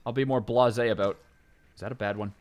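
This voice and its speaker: A man casually commenting on his gameplay in a rambling way, full of fillers and self-interruptions, jumping up in pitch when excited. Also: fast talker. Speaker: let's play gamer.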